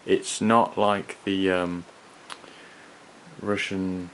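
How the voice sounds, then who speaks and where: Low, flat-voiced man reviewing gear. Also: poor audio. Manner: hesitant, halting, rambling. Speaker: gas mask collector and reviewer. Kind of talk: unscripted hands-on product review. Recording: clearly audible background noise.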